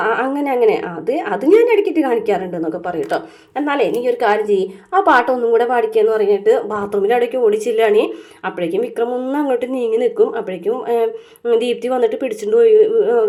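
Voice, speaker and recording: A woman's voice: a little high, darkish tone. A woman casually retelling a TV serial episode, full of fillers and tag words. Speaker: serial recap vlogger.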